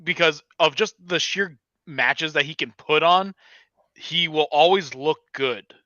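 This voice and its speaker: Male panelist, sharp bright voice, dry close sound, dull lo-fi audio. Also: fairly high pitch, unhurried, no echo. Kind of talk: casual wrestling panel talk.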